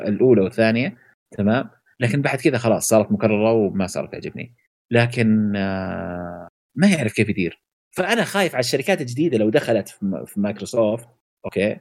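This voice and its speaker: Male podcast co-host, rapid and animated, lowish voice, opinionated. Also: slightly rough. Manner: animated and opinionated, jumps to high pitch for emphasis; many hesitations and filler sounds. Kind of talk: casual gaming podcast chat.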